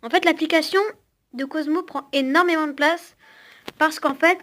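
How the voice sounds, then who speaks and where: A woman's voice: sits high, steady tone, normal speed, a bit bright. A young woman casually showing off a toy robot at home, chatting with it and with her viewers. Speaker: vlogger demonstrating a toy robot. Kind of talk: casual unboxing-style demo. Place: at home with a cat on her lap. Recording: noisy home recording.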